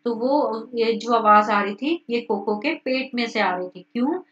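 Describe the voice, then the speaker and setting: Woman teacher with a fairly high voice, retells a story line by line in casual words, muffled recording from a distance. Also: measured pace, fairly bright tone. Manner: reads lines then re-explains in casual words. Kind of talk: explaining a story lesson.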